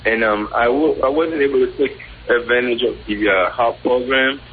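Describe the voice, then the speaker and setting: A man calling in to a radio show over a muffled, underwater-sounding phone line, talking haltingly with many ums and restarts. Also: mid-range voice, slight background noise. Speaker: caller. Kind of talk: call-in radio question.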